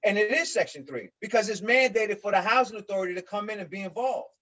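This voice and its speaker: A man in his forties from New York, a resident association leader speaking on a virtual panel, earnest and halting, often repeating words as he builds his points. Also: high voice, expressive, a bit bright, dull audio. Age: 40s. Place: home, on a video call. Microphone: video call mic.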